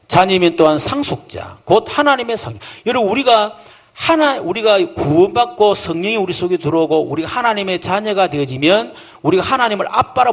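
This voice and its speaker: A male pastor giving a lively, folksy sermon full of rhetorical questions, acting out voices of believers and children. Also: high voice, husky. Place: church camp hall.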